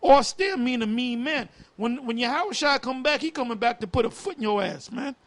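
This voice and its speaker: A man with a very high voice, preaching in a scornful, fiery way and slowing right down to read old-style verses word by word. The recording is dry and close. His delivery swings between cutting remarks and solemn reading. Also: expressive, no echo. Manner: scornful and fiery, reads verses slowly and deliberately. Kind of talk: heated religious commentary with scripture reading.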